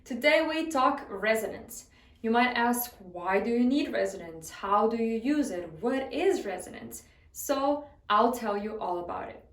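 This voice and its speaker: Higher-voiced woman teaching singing, roomy sound. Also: expressive, unhurried, distant mic. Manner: friendly instructive, guides exercises step by step. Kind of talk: vocal lesson.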